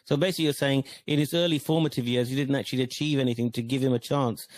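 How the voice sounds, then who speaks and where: A man's voice: medium pitch, fairly even intonation, very fast, dry recording. A man co-hosting a fan podcast, easygoing and probing his co-host with questions. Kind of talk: casual fan podcast chat.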